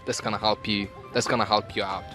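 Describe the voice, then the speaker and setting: A man, a student chatting in a group interview, animated, sometimes acting out other people in a high voice. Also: quick pace, faint music behind. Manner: animated, acts out puzzled locals in a high voice.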